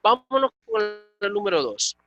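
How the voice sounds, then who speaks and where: Bright-voiced man teaching Greek grammar. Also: high voice, very animated, normal speed, no echo. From Dominican Republic. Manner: explains patiently, checks with students. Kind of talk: online class lecture.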